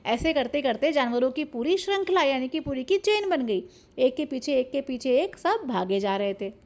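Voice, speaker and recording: Woman teacher, high-pitched, animated storyteller reading a lesson to kids. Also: normal speed, vocal fry. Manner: lively animated storytelling, retelling each part twice.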